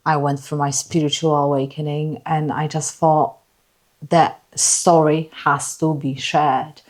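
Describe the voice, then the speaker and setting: A woman from Poland, a guest telling her life story in a podcast interview, earnest and halting, often repeating her words. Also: low voice, little pitch movement, a little mellow.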